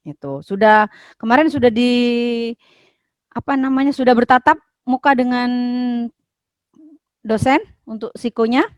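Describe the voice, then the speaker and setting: A woman's voice: on the high side, unhurried, pauses often, no echo. A woman from Indonesia giving a university lecture, explaining patiently with frequent fillers and restarts.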